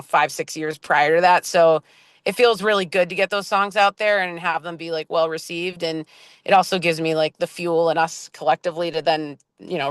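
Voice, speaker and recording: A woman's voice: on the low side, no echo. A woman musician chatting casually in an interview, rambling with many fillers and restarts. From Boston area, US. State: just woke up from a nap. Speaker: band member, interview guest.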